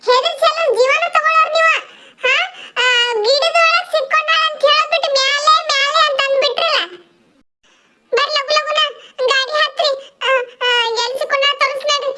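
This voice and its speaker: A very high, squeaky cartoon village woman, acted out by a voice actor, who frets and wails in a North Karnataka Kannada accent. Her chatter runs quick and breathless. A clear hiss of background noise sits under the voice. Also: flat delivery. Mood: scolding. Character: excitable young village woman on a scooter. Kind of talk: cartoon comedy dubbing.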